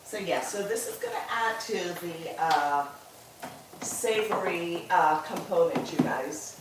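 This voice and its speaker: Cooking live and chatting loosely with her audience, this Guyanese host laughs readily. She speaks slowly in a lowish voice, and the recording is reverberant with a noisy background.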